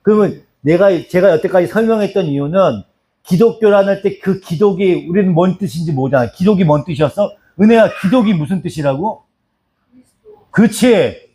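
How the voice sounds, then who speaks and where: A man's voice: sits high, warm tone. A man teaching a church Bible lesson, repeating key phrases and calling on listeners by name to answer. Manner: repetitive, drills answers and calls on people by name. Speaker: pastor teaching doctrine. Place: small church.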